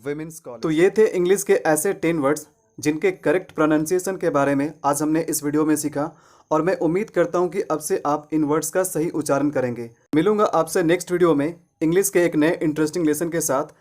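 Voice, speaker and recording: A man's voice: fairly high pitch, fairly even intonation, darkish tone. A man teaching English pronunciation in Hindi, who asks and answers his own questions and repeats the correct form. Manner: slows right down for English example sentences. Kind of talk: pronunciation lesson.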